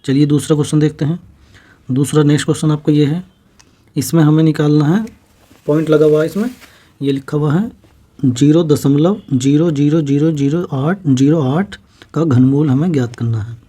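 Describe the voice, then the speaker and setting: Dark-voiced man teaching maths step by step. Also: fairly high pitch, breathy edge. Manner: explains slowly, repeats steps, asks and answers own questions. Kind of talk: step-by-step exam-prep maths lesson.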